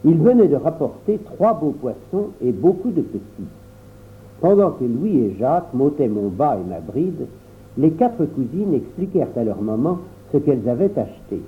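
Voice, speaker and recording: A man narrating a storybook in a measured, expressive reading. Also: mid-range voice. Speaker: audiobook narrator. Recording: tinny phone-like line with faint hiss.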